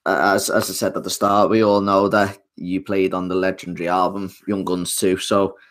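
A young man with a fairly low voice hosts the podcast. He asks his questions haltingly, restarting his sentences and filling the pauses with ums. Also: level tone, fairly bright tone. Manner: hesitant, many restarts and fillers. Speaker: podcast host. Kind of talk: interview questions.

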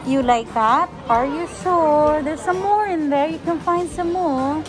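A woman filming her child in a toy shop, talking slowly and gently urging her along. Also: high voice. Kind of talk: casual family vlog chat. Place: busy toy shop in a shopping mall. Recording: shop with music and crowd. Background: music and crowd chatter.

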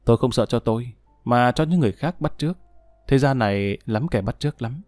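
A man's voice: medium pitch, lively intonation, fairly quick, a little mellow, no echo, faint music behind, natural voice. A condemned killer waiting to be shot, gloomy and self-pitying, as a male storyteller plays him. The voice sits in the narrator's own mid-range, read dry and close to the mic. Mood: bleak. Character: condemned male murderer, remorseful and bleak.

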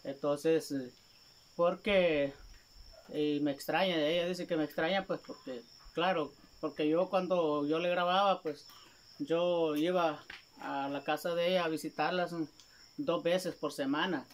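A man, a vlogger speaking casually to his viewers in a gravelly voice, rambling and repeating himself as he recounts a conversation. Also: a little high, steady tone, measured pace. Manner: rambling, repeats "me dice" often.

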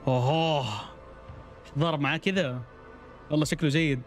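A man's voice: a little high, steady tone, normal speed, soft background music. A man streaming a game, chatting and reacting aloud and greeting viewers by name. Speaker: gaming streamer. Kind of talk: casual gameplay commentary.

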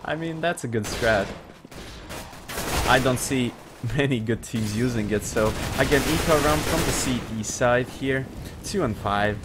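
Slow-talking male game caster, gunfire behind. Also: mid-range voice, heavy background noise. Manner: amused, often laughing in disbelief. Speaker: esports caster. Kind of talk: live game commentary. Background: game gunshots and clicks.

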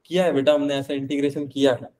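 A man's voice: mid-range voice, flat delivery, fast talker, mellow, a little hiss or hum. A young man teaching a physics class live online, chatty, calling his students beta and answering their questions.

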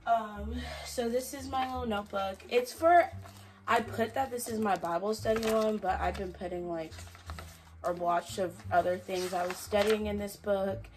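A woman's voice: mid-range voice, steady tone, moderate pace, far from the mic, rough recording. A young woman vlogging casually, rambling with lots of fillers while she tidies and plans her day, sounding a bit out of breath. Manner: chatty, filler-heavy, talking while tidying. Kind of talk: casual vlog talk.

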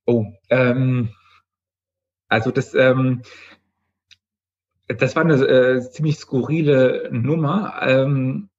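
A male author reading his novel aloud in steady, measured narration. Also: medium pitch, highs cut off. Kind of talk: live book reading.

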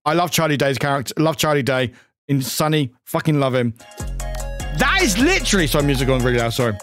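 Guy streaming a reaction, rambly, swears a lot, voice bounces all over, slightly high, some music under it. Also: quick pace, no echo. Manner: excitable, rambling, swears freely; self-interrupting, scattered. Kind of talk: live reaction commentary.

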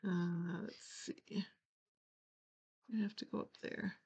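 Working at a table under a fixed overhead camera, an older craft channel host chats casually, thinking out loud and teasing herself. Her lowish, creaky voice stays steady at a slow pace, and the audio has its highs cut off.

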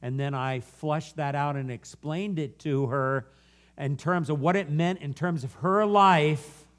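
Man, guest preacher, earnest storytelling sermon, slightly high voice. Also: a little slow. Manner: earnest, shifts from animated to hushed.

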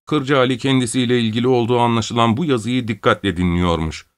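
Male audiobook narrator, mid-range voice, steady scripted storytelling. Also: medium pitch, fast, clear, resonant tone.

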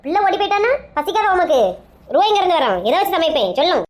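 A shrill, rapid-fire mother who scolds everyone around her, played by a woman. She has a Kanyakumari Tamil accent and a nagging, bickering delivery made for comic family skits. Her voice sits very high. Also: very animated. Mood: scolding. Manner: nagging, bickering, shouting insults. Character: sharp-tongued scolding middle-aged mother.

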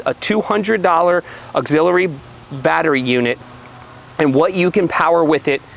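A man in his thirties talks casually to camera as a gear reviewer. His voice sits a little higher than average and has a crackly, gravelly fry. He is recorded outdoors on a small mic that adds hiss. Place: outdoors at an open car tailgate. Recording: loud hiss from poor microphone.

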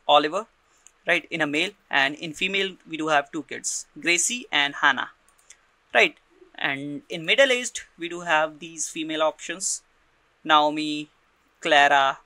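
Guy explaining a software tutorial step by step, kinda high bright voice, very dry sound, keeps saying right?. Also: no echo. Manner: explains step by step, often checks in with "right?" and repeats words. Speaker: tutorial presenter. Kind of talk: screen-recorded software tutorial.

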